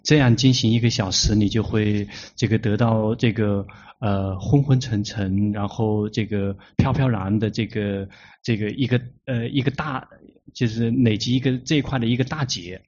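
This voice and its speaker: A man interprets a meditation lesson sentence by sentence, pausing and filling gaps as he goes. He speaks very slowly in a fairly low voice. The sound is dull and lo-fi. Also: fairly even intonation, darkish tone. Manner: halting, many fillers. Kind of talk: consecutive interpreting. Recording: dull lo-fi recording.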